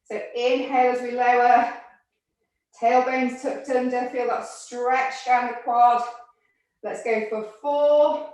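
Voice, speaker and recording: A woman's voice: on the high side, steady tone, takes it slowly. Breathless woman leading a barre class. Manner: counts reps and cues moves, gently encouraging. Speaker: fitness instructor. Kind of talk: exercise class instruction. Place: room with barre and mats. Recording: echoey room, voice from far off.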